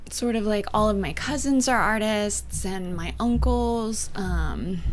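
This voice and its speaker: A young adult woman from Canada and Northern California, chatting as an interview guest, soft-spoken and often trailing off into near-whispers. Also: lowish voice, slight background noise. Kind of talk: casual interview chat.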